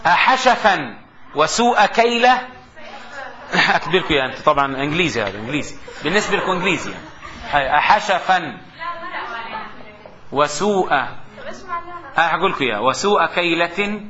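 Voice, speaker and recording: A man's voice: on the high side, expressive, fast, pauses often, crowd noise. A middle-aged man, giving a classroom grammar lecture, repeating terms for dictation and joking with his students. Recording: muffled lecture recording with faint hiss.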